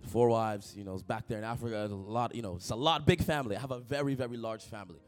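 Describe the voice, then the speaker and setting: In a lowish voice and talking fast, a young man from Toronto, Canada, preaches as a pastor, sharing jokey personal anecdotes and calling out to the congregation with animation. Faint music sits behind him.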